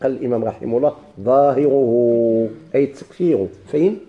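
A man with a Moroccan accent teaching grammar, asking questions and answering them himself and reading quoted text slowly. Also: mid-range voice, narrow, tinny audio. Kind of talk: classroom lecture.

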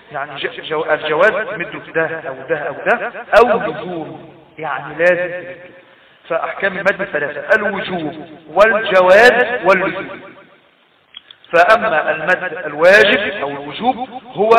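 A man with an Egyptian accent teaching Quran recitation rules, patiently explaining and repeating terms, chanting verses as examples. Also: fairly high pitch. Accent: Egyptian Arabic. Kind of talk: tajweed lesson. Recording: echoey, distant, dull lo-fi.

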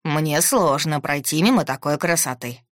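Woman reading sly old grandpa figure for a storybook, slow drawl, deep and dry. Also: animated, dry recording, lightly acted.

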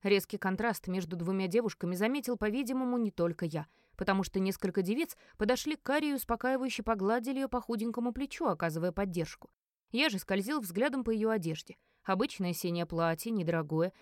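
Woman narrating an audiobook, expressive, mid pitch, dry close mic. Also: quick pace, dry recording. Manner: expressive reading, first-person male narrator. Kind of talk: scripted narration.

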